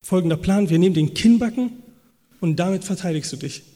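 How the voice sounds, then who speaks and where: A man's voice: high-pitched, lively intonation, fairly quick, warm tone. A man giving a sermon, vividly acting out the voices of biblical figures as he retells their stories. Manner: acts out biblical dialogue in quoted voices. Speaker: preacher. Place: church hall. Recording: long reverb of a church hall.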